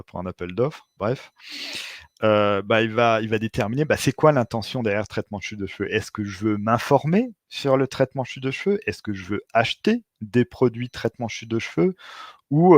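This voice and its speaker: Male webinar presenter, lowish voice, dry sound, hesitant informal explainer with lots of filler sounds. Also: no room sound. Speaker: SEO expert presenting a webinar.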